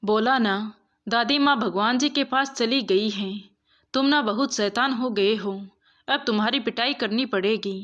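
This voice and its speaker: A woman voicing an affectionate, gently firm father in a storybook reading. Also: fairly high pitch, measured pace, muffled recording. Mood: coaxing. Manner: affectionate, coaxing. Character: loving father, gently firm with his son.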